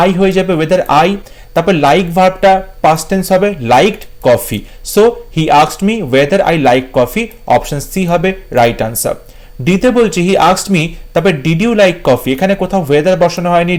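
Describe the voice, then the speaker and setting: A man takes learners through an exam practice set. His voice sits high for a man. He reads each English question slowly and deliberately, then explains it at an easy pace. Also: a little mellow. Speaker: English teacher.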